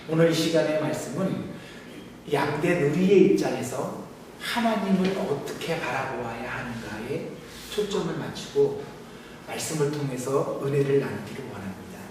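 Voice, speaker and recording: A man from Seoul, a pastor, preaching a sermon in a measured, solemn way with rising emphasis. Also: a little high, noisy background. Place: church sanctuary. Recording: echoey church hall, mic far off.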